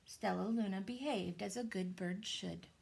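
A woman, reading a children's story aloud in a dramatic, deliberate way. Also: mid-range voice, gravelly, a little mellow. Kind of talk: expressive children's storybook narration. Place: small indoor room with shelves.

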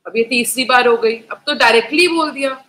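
Young female streamer, high bright voice, animated casual review, chats with viewers. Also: a little fast, rough recording. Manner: animated, mixes Hindi with English, talks to chat viewers. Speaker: live-stream host reviewing a reality show. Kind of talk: casual live-stream commentary.

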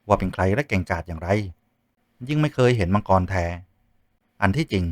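A man doing a calm deep-voiced official, slow and steady, lively pitch. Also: dry recording, studio quality, lightly acted. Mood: solemn.

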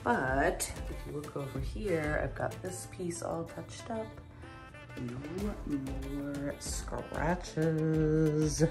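A woman's voice: low-pitched, drawn-out words. A woman vlogger talking casually while she works on a DIY project in a room of her house. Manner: casual, talks while working. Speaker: lifestyle vlogger. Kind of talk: casual on-camera DIY demonstration. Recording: echoey room with soft music.

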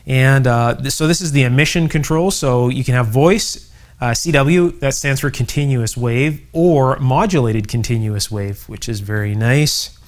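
Unhurried and mid-range in pitch, a middle-aged host explains things in an enthusiastic, chatty manner for his electronics restoration channel. The informal video is filmed in his indoor electronics workshop.

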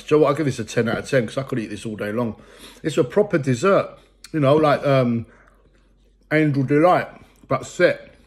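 A man in his forties doing a casual product review at home, chatty and full of ums and restarts. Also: a little high. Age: 40s. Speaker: food reviewer.

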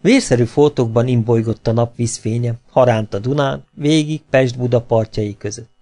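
A man narrating an audiobook with a measured, expressive reading. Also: mid-range voice.

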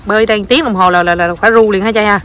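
Bright-voiced mom, encouraging. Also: female voice, medium pitch, fairly even intonation, racing, slight background noise. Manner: coaxing, encouraging, counts aloud. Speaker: mother filming her child. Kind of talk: casual family vlog. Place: outdoors by a river. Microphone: phone camera held by the speaker.

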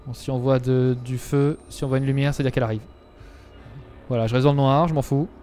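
A man's voice: mid-range voice, steady tone, fast talker, warm tone, faint music behind. A young man streaming a game live, chatting to his viewers and bursting into dramatic yelps when scared. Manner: talks to viewers and game characters. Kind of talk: live gameplay commentary.

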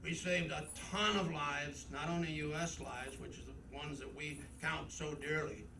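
An older man, a guest speaker at an indoor club meeting, rambles emphatically through a war memoir with plenty of fillers. His voice is gravelly, fairly high and steady in tone, and a little slow. He's on a podium mic, but the audio comes from a camcorder across the room, so it sounds roomy, distant and noisy.

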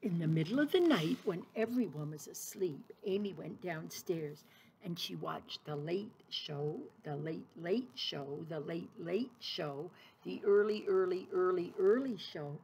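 A woman reading a children's picture book aloud in an expressive, sing-song way, as an early childhood educator. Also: lowish voice, measured pace, slight background noise, low-quality recording.

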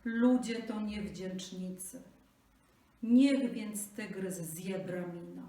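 A worn-out old male buffalo speaks slowly and bitterly, as a woman reads him in a storybook. The echoey room and distant mic give his words a roomy, faint-noise backdrop. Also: mid-range voice, steady tone, mellow, lightly acted. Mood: weary. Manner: tired, slow, bitter.

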